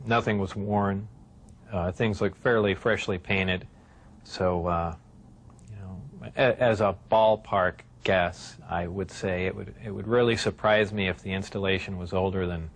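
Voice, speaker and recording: A man's voice: sits low, a bit bright. Man on a worn VHS tape copy. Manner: hesitant, many filler pauses. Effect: worn VHS tape copy with faint hiss. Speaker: interviewee. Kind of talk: answering interview questions.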